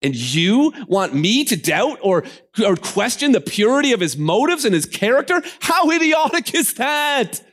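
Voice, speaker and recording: A man preaching a sermon in a church, swinging between emphatic, raised lines and quiet, hushed ones. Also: extremely high pitch, sing-song, moderate pace, hardly any pauses. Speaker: pastor.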